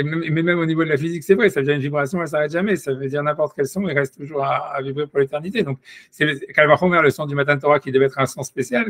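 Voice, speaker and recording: A man's voice: a little high, fairly bright tone, no echo. A man giving a rambling, casual Torah discussion, full of restarts and asides to his listener. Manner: rambling, many restarts and "tu vois". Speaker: Torah teacher.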